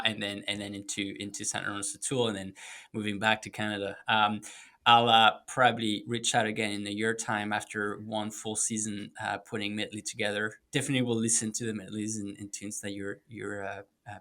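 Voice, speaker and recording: Male podcast host, casual, encouraging, quick to laugh. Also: fairly low pitch, level tone, bright, forceful tone. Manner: chatty, encouraging, laughs easily. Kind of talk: casual interview chat.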